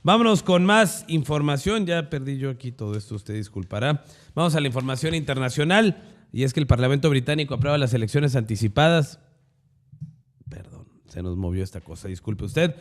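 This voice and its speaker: A man's voice: mid-range voice, lively intonation, brisk. A man with a Mexican accent hosting a news podcast, giving opinionated commentary with sarcastic, crude slangy asides.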